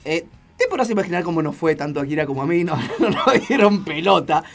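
A man's voice: a little high, animated, fast, creaky. An Argentine man telling a funny story in a casual radio chat, laughing often. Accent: Argentine Spanish.

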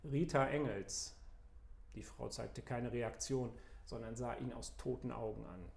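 A man reading aloud from his own crime novel, tense and measured, with the dialogue kept in his narrating voice. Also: medium pitch, fairly even intonation, creaky, a little mellow, reverberant. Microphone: studio microphone.

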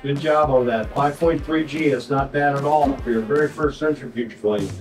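A man's voice: mid-range voice, moderate pace, darkish tone, soft background music. A man working as an operator, coaching someone through a test over a headset with short, encouraging, urging calls.

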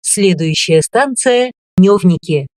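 A man's voice: high voice, lively intonation, noisy background. Formal male announcer over train intercom. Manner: measured, formal, evenly paced. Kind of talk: recorded transit announcements.

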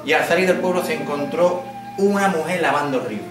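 A middle-aged man tells a folk tale to a class of children, lively and interactive, with his voice set fairly high. He sounds distant in an echoey classroom, with music behind. He adds sound effects and asks the children questions. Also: a little fast. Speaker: father telling a folk tale to schoolchildren. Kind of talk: oral storytelling to children. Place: school classroom. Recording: echoey room from far off.

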